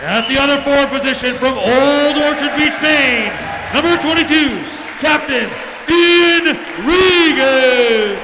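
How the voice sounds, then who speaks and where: A man working as a stadium announcer, shouting hyped lineup introductions and drawing out the names over a PA. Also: extremely high pitch, slow, over loud music. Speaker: public address announcer. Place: indoor gymnasium over PA system. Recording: echoey noisy gym with crowd.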